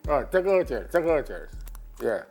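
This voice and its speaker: Low-voiced Jamaican woman, boisterous and animated. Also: normal speed, slightly rough, soft background music. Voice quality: speech muffled at times by a mouth retractor. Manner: boisterous, teasing. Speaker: morning show host. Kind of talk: playful casual banter during a party game.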